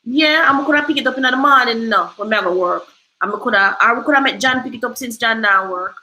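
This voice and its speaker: A woman's voice: a little high, quick pace, sharp tone, poor audio. A Jamaican woman hosting a livestream, giving emphatic motivational advice and slipping into patois. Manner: emphatic, preachy, switches into patois. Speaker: host.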